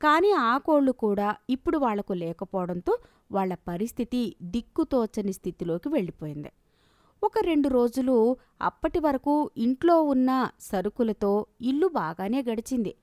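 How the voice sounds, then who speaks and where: A woman narrating a storybook cartoon in a calm, steady storytelling manner. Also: on the high side, moderate pace, no room sound, clean studio sound.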